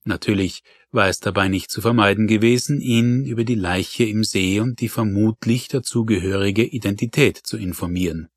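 A man narrating an audiobook in a calm, even storytelling manner. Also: fairly low pitch, normal speed, hardly any pauses, dry recording, studio quality. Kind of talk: scripted narration.

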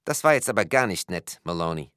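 A man voicing a naive, chatty male police officer who rambles with lively rising questions, in a read-aloud crime story. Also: low voice, brisk, clean tone, no room sound, clean studio sound, voice pushed up. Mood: wistful.

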